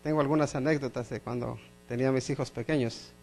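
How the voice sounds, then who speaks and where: A man's voice: medium pitch, fairly even intonation, quick pace, gravelly, a little mellow, soft background music. A middle-aged man preaching a sermon as pastor, emphatic, repeating phrases and asking the congregation questions.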